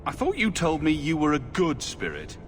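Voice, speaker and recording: A man's voice: on the high side, huge pitch swings, moderate pace, over music. A man playing a wry, self-assured adventurer in a video game, with a dry, sarcastic delivery.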